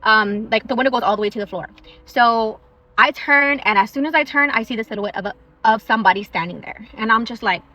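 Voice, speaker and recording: A young woman in a parked car telling a true story in a chatty, animated way, eating on her lunch break. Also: a little high, fairly quick, low-quality recording. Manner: chatty and animated, eating while she talks. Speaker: social media storyteller.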